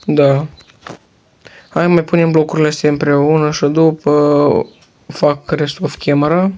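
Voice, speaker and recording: A man's voice: on the high side, darkish tone. A man giving casual let's-play commentary while building in a game, rambling and joking with his viewers. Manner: rambling, chatty, jokey asides to viewers. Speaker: gaming channel host. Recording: noisy home recording with mouse and keyboard clicks.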